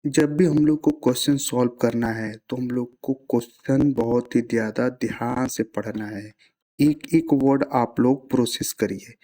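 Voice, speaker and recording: Mellow-voiced male science teacher. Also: medium pitch, fairly even intonation. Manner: explains slowly, with rhetorical questions, mixing in English terms. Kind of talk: casual classroom-style explanation.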